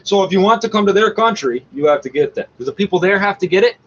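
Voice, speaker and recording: Fast and expressive, a high-pitched man delivers a profane, scornful rant while commenting over a radio show. He sounds combative and unscripted, and the lo-fi audio is muffled with a bit of noise.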